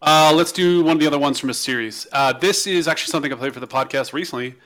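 A man co-hosting a podcast, chatting casually about video games, animated and ranting, often restarting his words. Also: a little high, rapid-fire, a crowd in the background. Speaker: podcast co-host.

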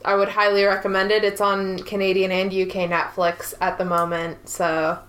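A woman's voice: medium pitch, flat delivery, moderate pace, a bit bright, echoey room. A young woman in her twenties co-hosting a podcast in casual chat, wry and dry with frequent laughs. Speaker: podcast co-host.

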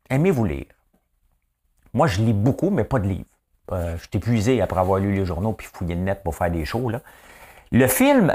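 Brief: low-voiced Quebec French man hosting a rambling trivia show, very lively pitch, chatty. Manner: chatty, keeps tossing in "hein?"; slips into English phrases. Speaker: host.

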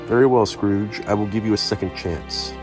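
A man voicing a stern, mocking ghost who passes judgment slowly. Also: over music, lightly acted. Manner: slow, deep, taunting. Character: stern male final ghost, mocking judge.

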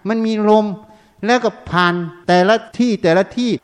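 A Buddhist monk gives a dharma talk in a high, smooth, resonant voice. He keeps checking on his listeners with quick little questions. The sound rings with the long reverb of a large meditation hall.

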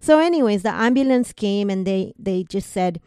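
A woman tells a personal story to a listener, slipping into quoted dialogue as she recounts who said what. Her voice sits at a medium pitch for a woman and is recorded dry and close, with no room sound. She speaks conversationally, with plenty of casual fillers. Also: moderate pace, dark tone, clear, resonant tone, no room sound.

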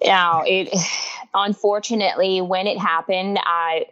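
A woman's voice: medium pitch, steady tone, unhurried, a bit bright, lo-fi sound. A woman in her thirties from Honduras, a guest artist in a casual interview, talking openly about her life and often laughing. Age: 30s. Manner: open, laughs easily, talks frankly about loss.

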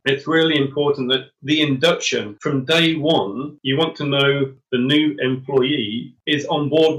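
A middle-aged man guesting on a podcast, with a voice of ordinary pitch. He talks earnestly and reflectively, often stumbling over repeated words as he begins a new point. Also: a bit bright, low-quality recording. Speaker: podcast guest, former special forces soldier. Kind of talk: casual interview chat.

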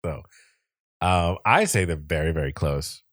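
A man's voice: sits low, animated, measured pace, a bit bright, no echo, studio quality. A young man hosting a casual podcast chat, rambling with lots of fillers and frequent laughter. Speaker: podcast host.

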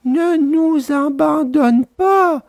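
Sly old fox beggar played by a woman, pleading, high thin voice, dry sound. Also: darkish tone, dry recording, full character voice. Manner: whining, drawn-out pleading. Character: old mangy male fox, whining beggar. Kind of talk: storybook reading.

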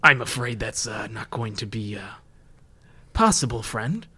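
A man's voice: on the low side, sing-song, unhurried, bright, forceful tone, husky, exaggerated voice. A man playing an evasive, cowardly officer in a tabletop game, awkward and dismissive. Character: evasive, cowardly male officer hiding something.

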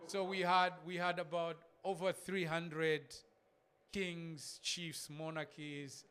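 A man's voice: on the high side, level tone, takes it slowly, pushed and bright. A man from Zambia, a missionary guest speaker, giving a casual church talk with pictures, repeating words and laughing in asides.

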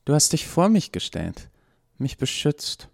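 A man's voice: fairly high pitch, huge pitch swings, a little slow, gravelly, pitched above the performer's own voice, full character voice. A man voicing a curious, blunt young woman in hospital who asks direct, puzzled questions.

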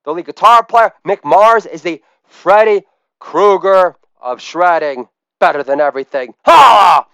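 A man in his forties, a comedian, telling a comic story in a loud monologue with shouted catchphrases. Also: on the high side, unhurried, smooth, dry recording. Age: 40s.

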